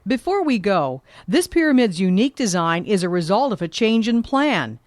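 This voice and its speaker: A woman reporter giving a scripted documentary narration, measured and vivid. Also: mid-range voice, very animated, a little mellow, dry recording.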